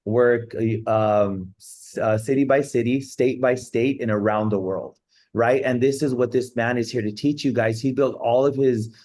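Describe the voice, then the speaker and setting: A man's voice: medium pitch, measured pace, a little mellow. A man hosting a video call, introducing a guest speaker in a hyped-up way and tagging lines with "right?" and "guys". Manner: keeps saying "guys" and "right?". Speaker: host. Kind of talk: hype introduction.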